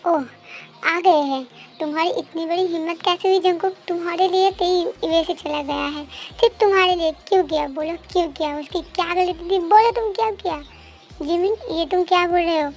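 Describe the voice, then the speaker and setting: A woman voicing a fiercely loyal young woman in a fan-dubbed story, loud, accusing and demanding. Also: extremely high pitch, steady tone, moderate pace. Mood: furious. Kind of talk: fan dub story voice acting. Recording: faint background music.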